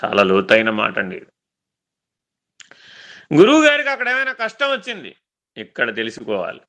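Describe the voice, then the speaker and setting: A man giving a devotional discourse as a spiritual teacher, telling stories animatedly, repeating phrases for emphasis and drawing out key words slowly. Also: mid-range voice, wildly swooping pitch, pushed and bright.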